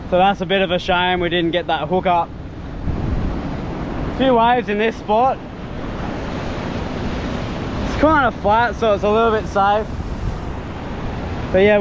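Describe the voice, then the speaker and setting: A young man, chatting casually to an action camera held at arm's length on a rocky ocean shore, and shouting out with excitement when a fish strikes. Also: high-pitched. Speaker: fishing vlogger. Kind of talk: casual solo vlog narration. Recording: loud surf and wind noise.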